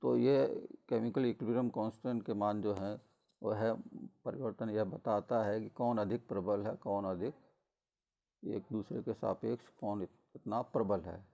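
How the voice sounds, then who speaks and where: A man's voice: fairly low pitch, steady tone, normal speed, vocal fry, warm tone, highs cut off. A middle-aged man giving a recorded chemistry lecture, explaining step by step with frequent fillers and self-corrections.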